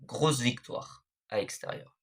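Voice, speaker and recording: A young man hosting an esports club show gives a casual, hesitant recap of football matches. He takes it slowly, filling his talk with fillers and apologies.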